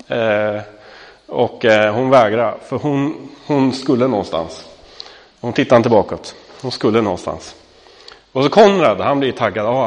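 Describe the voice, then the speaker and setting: A pastor in his thirties preaches in a loose, conversational manner, with lots of small fillers and direct questions to his listeners. His voice sits at a middling pitch for a man. The sound rings with the long reverb of a large hall. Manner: conversational, many fillers, asks the congregation questions. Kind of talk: sermon.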